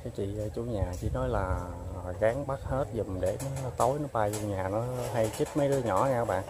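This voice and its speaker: A man vlogging as he catches bees outdoors, pausing often with fillers and talking to his viewers. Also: on the low side, noisy background. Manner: halting, many fillers, addresses viewers. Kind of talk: casual outdoor narration. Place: outdoors by a street.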